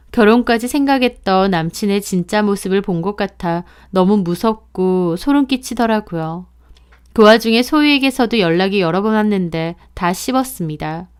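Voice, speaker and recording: A young woman narrating a first-person story in a steady, plain tone. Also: medium pitch, smooth.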